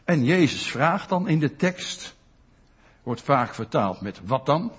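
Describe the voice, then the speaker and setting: A man preaching a sermon, animated and often putting questions to his listeners. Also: fairly high pitch, slow, husky. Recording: dull lo-fi sound.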